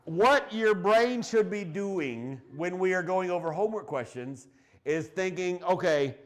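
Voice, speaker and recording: A man in his forties teaching math in a classroom, talking through problems in a chatty, encouraging way. His voice sits a little high for a man, and he drops in joking asides with his students. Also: animated, a little slow. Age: 40s.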